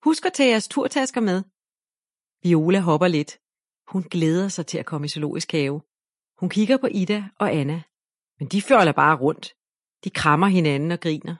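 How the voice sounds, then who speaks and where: A woman reading a children's story aloud in a gentle, even narration. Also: deep voice, dry recording, studio quality.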